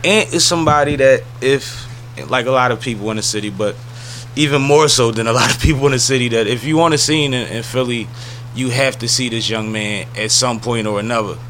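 A man's voice: medium pitch, brisk, fairly bright tone. A man hosting a casual podcast interview, talking loose and slangy with lots of fillers. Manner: laid-back slangy talk with fillers. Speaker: podcast host. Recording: faint background noise.

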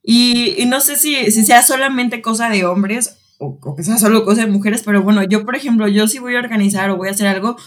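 A young woman in casual chat, animated, laughing often and acting out quoted lines. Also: fairly high pitch, a little fast, hardly any pauses.

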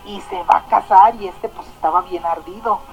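A woman's voice: medium pitch, moderate pace, vocal fry, highs cut off, soft background music. Chatty Mexican woman radio host. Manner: chatty, slangy, animated storyteller. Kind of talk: casual storytelling chat.

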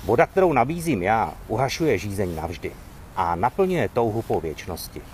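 A man reading the lines of a calm, authoritative male teacher from scripture in a gentle, earnest way. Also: lowish voice, a little hiss or hum. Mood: solemn.

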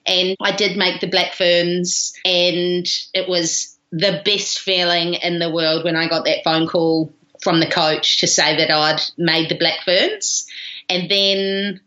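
A woman's voice: on the low side, little pitch movement, slow pace, sharp tone, muffled recording. A woman from New Zealand with a broad Kiwi accent, telling her story casually as an interview guest. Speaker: podcast guest, pilot and former rugby player.

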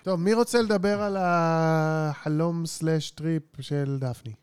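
A man co-hosting a podcast, talking in a measured way and correcting his own wording. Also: on the high side, steady tone, darkish tone, smooth. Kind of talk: casual podcast chat.

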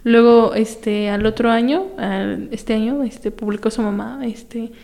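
Chatty young Mexican woman, mellow. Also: a little high, fairly even intonation, a little slow, creaky. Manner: chatty storyteller with fillers, acts out quoted voices. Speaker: podcast guest. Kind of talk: casual chat.

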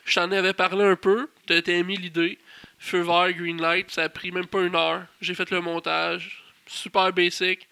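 Gravelly high bright Quebec man. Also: moderate pace. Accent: Quebec French. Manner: animated, mixes English slang into French. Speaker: wrestling manager and booker guest. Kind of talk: casual podcast conversation.

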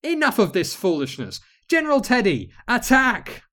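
A man doing a shrill, gloating witch queen. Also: lively intonation, slow pace. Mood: outraged. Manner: melodramatic, gloating, shouting commands. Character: imperious young witch queen, theatrical villain.

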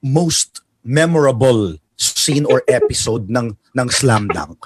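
A man's voice: mid-range voice, very animated, slow, slightly rough. A man hosting a casual group chat about anime, joking and laughing often. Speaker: podcast host.

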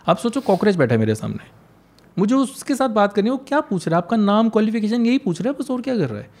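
A man with a fairly high voice and a slight Punjabi tinge to his English, chatting casually. As an English teacher, he tells stories with earnest conviction and mixes Hindi and English freely. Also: sing-song, quick pace, darkish tone. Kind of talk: casual conversation.

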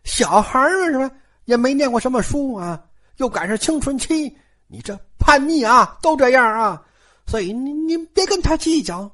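A woman's voice: sits high, expressive, moderate pace, fairly bright tone. A woman storyteller voicing an old female servant who coaxes her mistress to let things go. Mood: coaxing. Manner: coaxing, dismissive.

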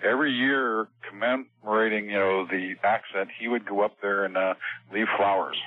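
A man heard over the phone as a radio show guest, talking in a halting way with many fillers. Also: fairly low pitch, steady tone, no room sound. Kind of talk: call-in radio interview. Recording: tinny phone line.

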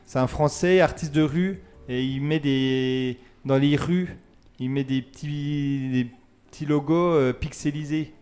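A man's voice: on the high side, measured pace, a little mellow, smooth. A man hosting a casual radio quiz, reading multiple-choice questions, counting down and joking with his co-hosts. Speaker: quiz host.

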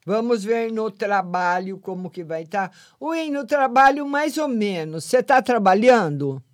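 A woman's voice: mid-range voice, expressive, measured pace, no room sound, clean studio sound. An older woman hosting a live call-in show, chatting affectionately with callers and giving them readings. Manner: affectionate, calls callers "my lovely". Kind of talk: casual live call-in chat.

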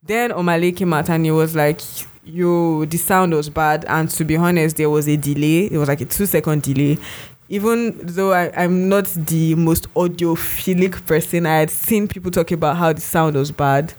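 A co-host chats loosely through a podcast, trailing into fillers and restarting thoughts as they go. The voice sits at a middling pitch, neither high nor low. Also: fairly even intonation, normal speed, a little mellow. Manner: rambling, heavy use of "like" and restarts. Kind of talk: casual podcast chat.

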